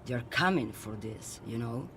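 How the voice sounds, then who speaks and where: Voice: medium pitch, animated, a little slow, a bit bright, a little hiss or hum. An actor playing a nostalgic, defiant old woman truck driver in a video game, wistful and insistent. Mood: dreamy, defiant. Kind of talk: video game character acting.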